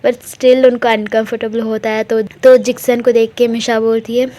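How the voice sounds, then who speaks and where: A woman's voice: on the high side, level tone, normal speed, warm tone. A woman narrating a romance story casually, laughing often and acting out the dialogue.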